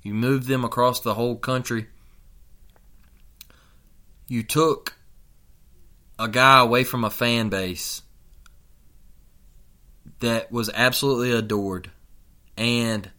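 A male sports talk host in full rant, his voice bright and forceful at a middling pitch. He curses freely and repeats his lines for emphasis. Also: fairly even intonation, takes it slowly, long pauses. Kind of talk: heated sports opinion rant.

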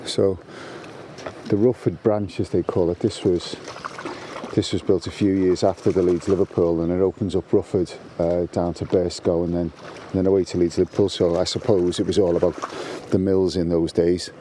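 Walking his dog on a canal towpath amid birdsong, a man talks casually and ramblingly, with frequent restarts and fillers. This guest contributor has a deep, mellow voice, a level tone and normal speed. There's a little hiss or hum.

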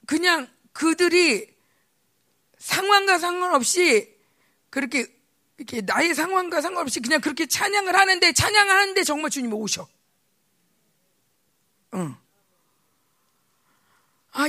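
A woman, a pastor's wife, preaching a conversational sermon during a church service and telling lively stories that act out the people in them. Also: high voice, creaky. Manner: animated storytelling, acts out quoted voices.

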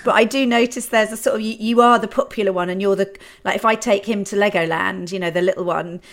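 A woman's voice: mid-range voice, fairly even intonation, fast. A middle-aged woman with a British accent, hosting a conversational interview in an earnest, reassuring way. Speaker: podcast host.

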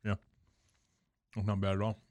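A man's voice: fairly low pitch, monotone, moderate pace, darkish tone. A man co-hosting a casual chat while taste-testing candy, making wry, joking asides. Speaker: podcast co-host.

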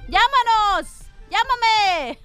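Woman, radio co-host, very high voice, giggly, teasing, music behind. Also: animated, drawn-out words. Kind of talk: joke-telling radio banter.

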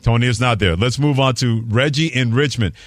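A man in his fifties or older from New York City, USA, hosts live sports talk radio, chatting with a co-host and callers. His voice is mid-range and a little fast.

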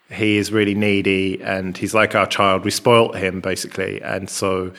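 An English man chatting casually and rambling a bit, recorded with a big hall echo in a large, open flat with a concrete floor. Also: fairly low pitch. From England. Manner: rambling and chatty, with many fillers. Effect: big hall echo from an enormous, bare room. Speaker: podcast co-host. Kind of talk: casual chat.

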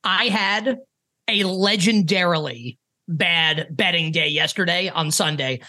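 A man's voice: high-pitched, pushed and bright. A man in his thirties, hosting a sports betting talk show in a casual, filler-heavy chat. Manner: chatty, lots of "like" fillers.

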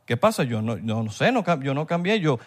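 Animated Venezuelan man, lively swooping pitch. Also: fairly quick. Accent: Venezuelan Spanish. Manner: animated, slangy, argumentative. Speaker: podcast co-host. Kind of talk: casual chat.

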